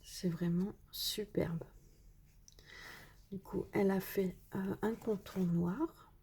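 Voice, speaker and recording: A woman's voice: medium pitch, fairly even intonation, slow, vocal fry, dark tone, husky. A woman vlogger chatting casually while unboxing craft mail, hesitant with many fillers and full of enthusiastic praise.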